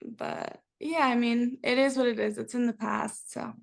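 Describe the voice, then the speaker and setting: A young woman speaks as a guest in a casual interview. Her voice sits a bit high and has plenty of vocal fry. She talks in a candid, reflective, conversational way. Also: fairly even intonation, normal speed. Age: young adult. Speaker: interview guest, reality TV cast member.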